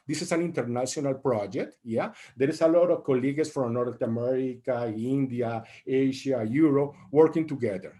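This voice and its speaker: A man's voice: mid-range voice, a little mellow. A man giving an earnest, prepared talk over a video call, stressing key words. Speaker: guest speaker.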